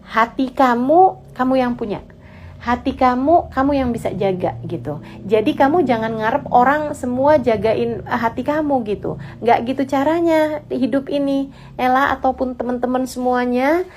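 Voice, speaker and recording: A woman preacher giving casual, gentle religious advice to a listener in a conversational way. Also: sits high, normal speed, slight background noise. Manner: gentle, conversational, often adds filler tags. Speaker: Islamic preacher answering a listener.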